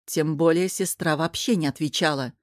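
A woman narrates a fantasy novel in a steady, expressive way. Her voice sits slightly low, and the recording is dry and close. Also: normal speed, dry recording. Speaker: audiobook narrator.

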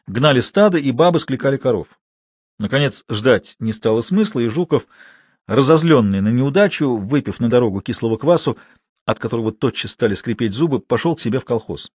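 A man reading a literary story aloud as narrator, measured and expressive. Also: mid-range voice, no room sound, clean studio sound.

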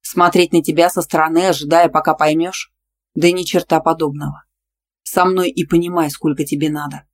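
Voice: mid-range voice, flat delivery, moderate pace, close to an everyday voice. A reader doing a brash, possessive young teacher. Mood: angry. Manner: blunt, demanding, teasing. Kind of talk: audiobook dialogue reading.

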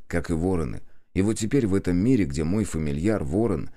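A man narrating an audiobook in the first person with steady, expressive storytelling. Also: deep voice.

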